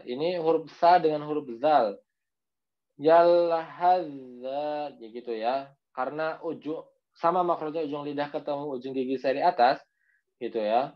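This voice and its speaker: A male recitation teacher talks through a lesson over a video call, his voice a little muffled. He stretches out recited words slowly and often checks in with his class. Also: medium pitch.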